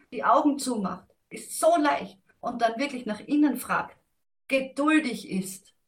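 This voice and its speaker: A woman speaks in a calm, reflective way about emotions and letting go, her voice sitting a little high. She thinks aloud and sometimes restarts a phrase. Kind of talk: calm talk on self-help and letting go.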